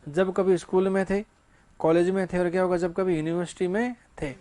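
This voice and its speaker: A male English teacher with a high-pitched, mellow voice delivers a classroom grammar lecture briskly and flatly. He poses rhetorical questions, answers them himself, and throws in casual jokes.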